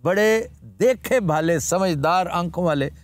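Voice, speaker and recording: A man's voice: high-pitched, slow pace, dry recording. A man hosting a TV talk show, explaining where words come from in a lecturing way and using formal vocabulary. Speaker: host. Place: TV studio.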